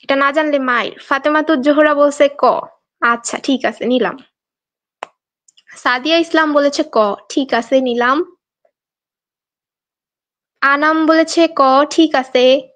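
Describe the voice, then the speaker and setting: High-voiced chatty woman teacher. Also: steady tone, slow pace, pauses often, fairly bright tone. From Bangladesh. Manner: chatty, coaxing, reads out student answers. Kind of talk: live online exam-prep class.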